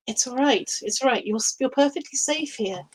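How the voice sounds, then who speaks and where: A woman playing a tabletop game, speaking gently and thinking out loud as she acts out her character. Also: sits high, a little hiss or hum, rough recording. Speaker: player. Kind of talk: tabletop role-play.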